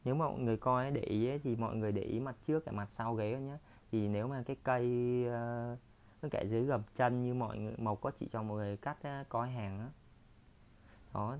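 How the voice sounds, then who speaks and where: A man with a lowish, slightly mellow voice shows off the furniture in his workshop in a chatty sales walkthrough shot on a handheld phone. He is repetitive and uses many fillers.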